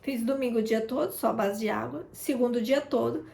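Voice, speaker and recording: A woman's voice: fairly high pitch, brisk, gravelly, a little mellow, a little hiss or hum. A woman giving a chatty prayer testimony, often turning to her listeners and acting out past conversations. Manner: chatty, keeps addressing listeners, re-enacts conversations. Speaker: intercessor sharing a testimony. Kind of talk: informal testimony in a prayer broadcast. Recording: roomy echo.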